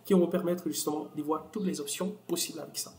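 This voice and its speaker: A man walking viewers through a software tool in a casual screen-recorded tutorial, with many fillers and restarts. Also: a little high, fairly even intonation, fast talker. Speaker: software demo presenter.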